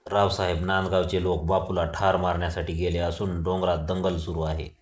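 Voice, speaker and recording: A man's voice: sits low, flat delivery, brisk, roomy sound, natural voice. A man reading the lines of a young male village teacher who has run to bring urgent news and is out of breath.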